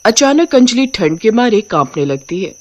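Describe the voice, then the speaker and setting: A woman's voice: a little high, big pitch swings, normal speed, background noise. Brief: woman narrator, comic storybook, teasing asides. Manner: chatty, mocking asides.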